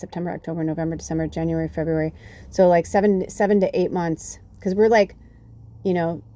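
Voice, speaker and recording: A woman's voice: on the low side, warm tone, dry recording. Chatty, profane woman in her fifties. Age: 50s. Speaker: tarot reader. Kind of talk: casual spiritual reading.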